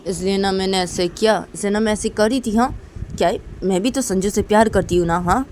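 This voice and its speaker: A woman's voice: medium pitch, fairly quick, a little mellow, a little hiss or hum, pitched below the performer's own voice, lightly acted. A woman voicing a scheming, jealous older sister who wheedles and insists in a homemade story reading. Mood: wheedling. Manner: wheedling, insistent, repeats herself.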